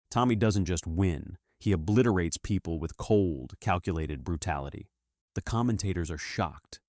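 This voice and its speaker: Deep-voiced male movie recap narrator. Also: dry recording, clean studio sound. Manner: steady dramatic storytelling. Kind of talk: scripted narration.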